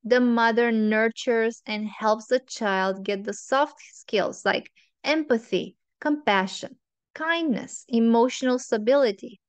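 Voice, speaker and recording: A woman hosts an advice monologue, earnest and opinionated, working through her points one by one. Her voice sits a little high and sounds smooth and clean. She speaks slowly, recorded close and dry with no room sound. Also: no room sound. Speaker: relationship advice host.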